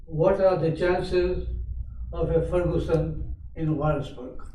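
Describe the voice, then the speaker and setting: High, slow-spoken man with Arkansas accent. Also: fairly even intonation, mellow. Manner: deliberate, short measured phrases with pauses. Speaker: member of the public addressing a city council. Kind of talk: formal public remarks and questions. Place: indoor council meeting room. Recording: echoey room, distant mic, faint noise.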